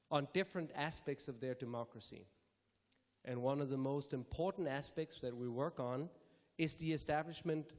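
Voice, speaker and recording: A man from Denmark giving measured, formal opening remarks at a public lecture, with careful phrasing and the odd self-correction. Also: a little high, darkish tone. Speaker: speaker introducing a public lecture. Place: lecture hall. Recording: reverberant lecture hall.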